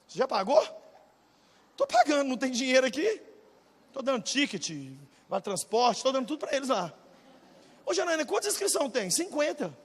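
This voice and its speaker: A Brazilian pastor in his forties preaching a sermon, swinging from shouted bursts to low, confiding talk. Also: very animated, brisk, long pauses, slightly rough. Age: 40s. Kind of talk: energetic sermon. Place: large church hall, live audience. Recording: reverberant church hall.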